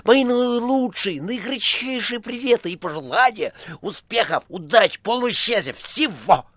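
Koroviev, a shrill, fawning phone chatterbox. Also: male voice, expressive, normal speed, fairly bright tone, no room sound, full character voice. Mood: gushing. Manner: effusive, gushing, crackling patter.

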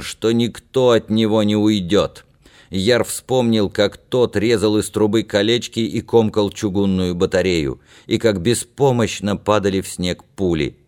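Man narrating a story, low voice. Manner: steady, measured storytelling. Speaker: audiobook narrator. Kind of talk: scripted narration.

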